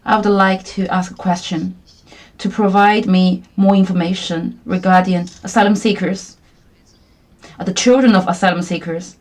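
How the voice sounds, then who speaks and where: A woman's voice: mid-range voice, steady tone, moderate pace, a little mellow. A woman whose first language is Chinese, a committee member politely putting a question to a delegation in English. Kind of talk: formal question at a hearing.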